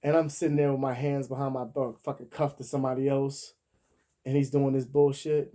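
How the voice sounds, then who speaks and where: A man's voice: mid-range voice, flat delivery, brisk, warm tone. A man in his thirties telling a story in a casual, profane way, laughing often and acting out the people he quotes. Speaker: vlogger.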